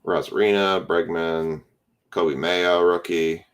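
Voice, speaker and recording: Low-voiced man calling out cards. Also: slow, smooth. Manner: relaxed, rattles off player names as he opens packs. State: tired, yawning. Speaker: card break host. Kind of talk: casual live card-break commentary.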